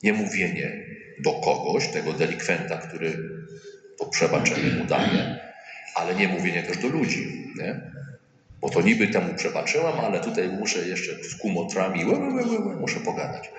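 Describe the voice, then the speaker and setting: A man's voice: sits low, animated, normal speed, a bit bright, slight background noise. A male priest giving a sermon in a colloquial, humorous way, often acting out quoted voices. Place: church. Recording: echoey church hall with faint ambience.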